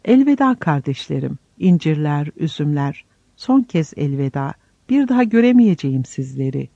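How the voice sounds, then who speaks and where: A male narrator voices a serene old friar on his deathbed, tender and solemn, his tone raised a little above the narration. The voice is mellow and warm, and the recording is dry, dull and slightly lo-fi. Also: a little high, very animated, moderate pace, vocal fry, no echo, exaggerated voice. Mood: tender farewell. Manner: soft, solemn farewells.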